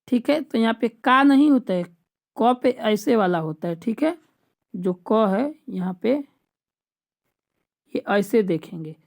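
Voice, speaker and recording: A woman with a fairly high voice teaches an exam-prep class. She explains each point patiently and step by step. She keeps checking in with the class and turns key terms into questions before answering them herself. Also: a little mellow.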